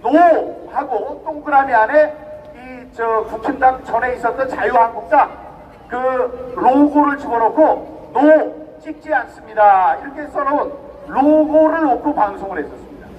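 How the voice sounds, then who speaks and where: A man's voice: extremely high pitch, muffled recording. A middle-aged man giving an emphatic protest speech at an outdoor rally, firing rhetorical questions at the crowd. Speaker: rally speaker. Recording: distant mic outdoors, faint noise.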